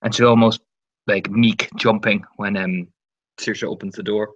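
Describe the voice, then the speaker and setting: Man, player, rambling, low, dull lo-fi sound. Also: steady tone, unhurried, a little hiss or hum. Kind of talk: tabletop role-play, describing his character. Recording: dull lo-fi recording.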